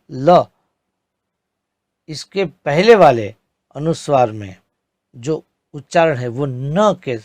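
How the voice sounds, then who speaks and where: Man teaching grammar super slowly, stretches every example word, fairly high voice, dry close mic. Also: dry recording. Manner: drawn-out enunciation of example words. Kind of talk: slow, deliberate grammar lesson with spoken examples.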